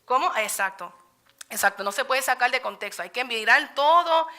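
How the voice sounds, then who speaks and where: A woman leads a Bible study in a church meeting room. Her voice sits a little high and rings bright and forceful. She talks in a loose, conversational way and keeps asking the group to agree with her. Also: expressive, moderate pace.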